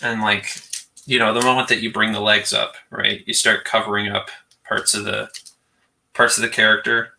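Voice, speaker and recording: A man's voice: fairly low pitch, little pitch movement, moderate pace, creaky, bright, forceful tone, a little hiss or hum, low-quality recording. A man chatting casually about drawing, talking hesitantly and often restarting his sentences. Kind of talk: casual chat.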